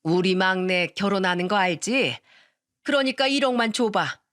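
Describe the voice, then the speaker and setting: A woman's voice: medium pitch, normal speed, fairly bright tone, no echo, clean studio sound, natural voice. A woman voicing a pushy, scheming middle-aged mother-in-law in a narrated radio story, demanding and accusing.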